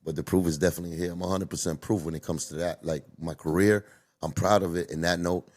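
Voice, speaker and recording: A man's voice: deep voice, fairly even intonation, fast talker, darkish tone. A man from Cuba hosting a podcast, telling stories in casual street slang with emphatic delivery. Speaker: podcast host. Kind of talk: casual chat.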